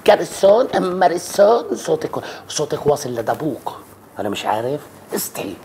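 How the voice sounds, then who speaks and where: A man acting out a bossy, jealous husband, scolding his wife nonstop at a fast clip. His voice sits at a middling pitch, and faint background noise runs under it. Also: a little mellow, lightly acted. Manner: nagging, scolding, quarrelsome. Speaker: husband in a comedy sketch. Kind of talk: sketch comedy acting.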